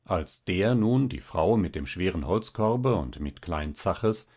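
Low, husky-voiced male narrator. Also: expressive, darkish tone. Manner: measured, storytelling delivery. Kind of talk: audiobook reading of a classic tale.

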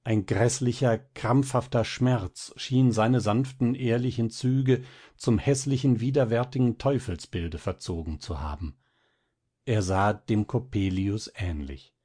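A man narrating a literary tale as an audiobook, reading with expressive, dramatic pacing. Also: lowish voice, a little slow, slightly rough.

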